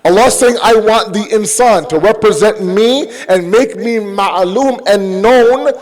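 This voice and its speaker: High-pitched man preaching in a conversational way. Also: unhurried, low-quality recording. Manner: conversational, emphatic, rhetorical questions; mixes English with Urdu and Arabic phrases. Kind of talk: sermon with everyday examples and acted-out dialogue.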